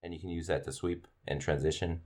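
A man co-hosting a casual podcast as a coach, easygoing and quick to laugh. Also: deep voice, fairly even intonation, darkish tone. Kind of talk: casual chat.

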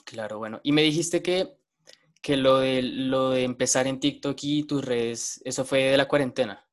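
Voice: medium pitch, normal speed. An interviewer, asking questions in a hesitant, repetitive way. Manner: hesitant, repeats words while asking. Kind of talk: casual interview.

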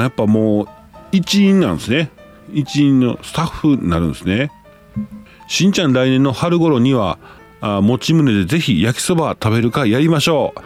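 A man's voice: mid-range voice, a little mellow. A man with a Kansai accent, hosting a casual live stream, reading listener messages aloud and exclaiming often as he reacts.

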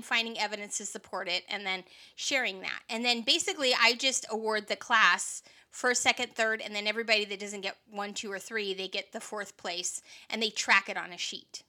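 A woman teacher chatting casually, animated, with lots of fillers and self-corrections. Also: medium pitch. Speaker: teacher guest. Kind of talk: casual chat.

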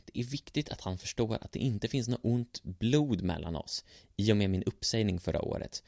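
Older male politician, pompous, blustering, gravelly, higher than the narrator's own voice, dry sound, man doing it. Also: animated, a little mellow, dry recording. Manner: blustering, self-important.

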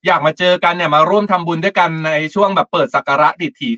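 Man, radio co-host, rapid chatty talk, bright voice, muffled lo-fi sound. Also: sits high. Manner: chatty storyteller, laughs often. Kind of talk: casual morning radio chat.

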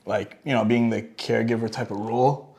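A young man chats as a podcast guest, relaxed and measured, trailing off into fillers as he thinks. He eats spicy wings between lines, and his pitch sits in an ordinary middle range. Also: gravelly. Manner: talking while eating spicy wings. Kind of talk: casual chat.

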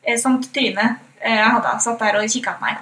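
A woman with a Norwegian accent recounts a story in a chatty, animated way, full of fillers and quoted thoughts. Her voice sits a little high. She is heard from some distance, in a roomy, echoing space. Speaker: guest. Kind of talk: casual storytelling.

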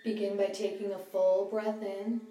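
Music plays in the background as a woman leads meditation in a gentle, mellow mid-range tone, her phrasing slow and even. The mic sits slightly back, so the sound is a bit distant and roomy.

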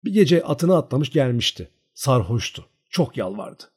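A man's voice: medium pitch, sing-song, unhurried, darkish tone, husky, voice pushed up. A man reading aloud, voicing a shy but proud young peasant girl who answers her friend stubbornly. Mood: confiding.

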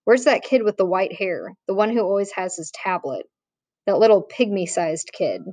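A woman voicing a taunting middle-school boy bully who talks loud and mocking. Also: mid-range voice, lively intonation, moderate pace, dry recording, lightly acted. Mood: scornful.

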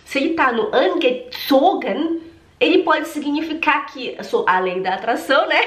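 A woman's voice: sits high, lively intonation, normal speed, fairly bright tone. A Brazilian woman teaching German in an online lesson, sounding congested from a cold and drilling pronunciation by repeating words carefully. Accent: Brazilian Portuguese. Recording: roomy echo.

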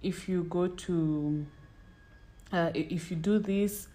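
A woman's voice: on the low side, takes it slowly, warm tone. A woman with a Kenyan accent in casual, reflective conversation, searching for her words and sometimes mixing in Swahili. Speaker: podcast co-host or guest.

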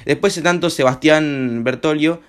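A young man hosts a casual home-made radio show, rambling in slang and filling his talk with filler words. He has an Argentine Spanish accent and a slightly hoarse voice that sits on the high side, a bit bright, at normal speed.

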